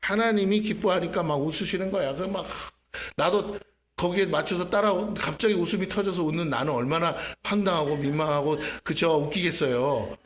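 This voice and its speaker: A man, the senior pastor, preaching a lively sermon in a church, acting out his prayers and questioning the congregation. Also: on the high side, brisk. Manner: animated, acts out his own prayers and asks the congregation questions. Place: church sanctuary.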